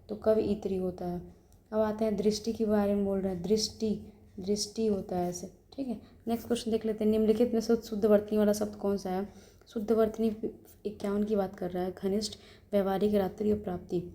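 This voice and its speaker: Brief: woman test-prep tutor, flat gravelly delivery, brisk and repetitive, solving questions aloud. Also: medium pitch. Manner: brisk, explains each option, repeats words and says "ठीक है". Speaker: exam coaching teacher.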